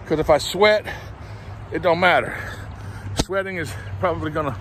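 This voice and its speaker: A man's voice: on the high side, normal speed, noisy background. A middle-aged man, chatting casually into his phone while walking a trail, a bit out of breath. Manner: chatty, rambling, self-deprecating. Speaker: vlogger. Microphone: phone held while walking.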